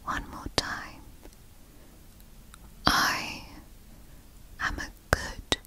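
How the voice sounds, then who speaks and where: A woman's voice: very slow, bright, forceful tone, heavily acted. A woman playing a tender, motherly girlfriend in a whispered role-play, speaking in an intimate, soothing whisper for sleep ASMR.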